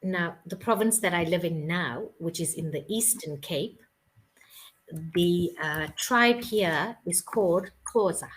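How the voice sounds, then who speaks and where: Speaking slowly in a voice on the low side, a South African English tutor patiently explains things during a casual video call, making sure her student understands.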